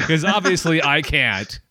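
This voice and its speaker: A man's voice: a little high, sharp tone, no room sound, studio quality. A man hosting a podcast in casual chat, loose and self-deprecating, short of breath. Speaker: podcast host.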